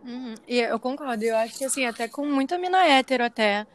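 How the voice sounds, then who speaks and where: Soft-spoken Brazilian woman, slightly high. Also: animated, fast. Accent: Brazilian Portuguese. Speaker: guest. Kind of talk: casual panel chat.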